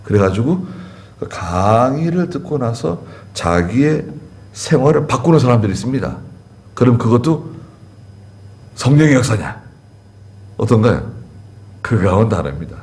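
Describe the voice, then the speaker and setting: Animated man preaching a sermon. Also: medium pitch, normal speed, pauses often. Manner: conversational preaching, repeats key words, asks the congregation questions. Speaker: pastor. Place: church sanctuary.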